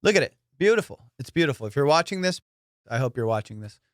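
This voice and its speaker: A young man, a comedian and podcast host, rattles off boastful, profane stories in a casual monologue, breaking into excited bursts. His mid-range voice moves fast, and the dry recording has studio quality.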